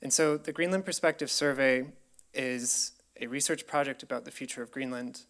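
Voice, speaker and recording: A young PhD researcher from Colorado gives a public presentation in an American accent, sounding earnest and grateful and saying "um" often. His voice is medium-pitched and fairly bright, at a moderate pace.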